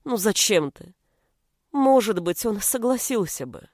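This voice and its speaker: A woman's voice: on the high side, lively intonation, moderate pace, darkish tone, no room sound, clean studio sound. A woman playing a weary, pleading mother. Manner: pleading, lamenting. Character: worn-out tearful middle-aged mother, pleading.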